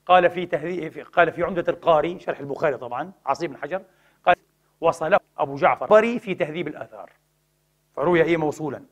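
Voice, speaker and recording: A middle-aged male preacher with a high voice delivers an impassioned religious lecture. He keeps asking rhetorical questions and answering them himself, swinging from forceful exhortation to quiet, pleading warnings. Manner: emphatic, swings between loud exhortation and hushed pleading.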